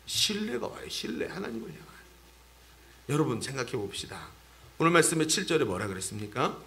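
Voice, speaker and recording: A man's voice: mid-range voice, big pitch swings, a little fast, sharp tone. A male pastor preaching a sermon in a church, talking animatedly and addressing the congregation directly.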